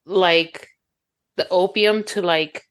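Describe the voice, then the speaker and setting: A woman in a casual book club chat who jumps in with quick, playful remarks. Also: fairly low pitch, steady tone, dry recording, clean studio sound. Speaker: book discussion co-host.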